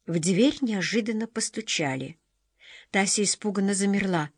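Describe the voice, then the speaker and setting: A woman narrates a novel with measured, expressive storytelling. Her voice sits at a medium pitch, and the recording is dry and close with no room sound. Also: husky, no room sound. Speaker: audiobook narrator. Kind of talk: scripted narration.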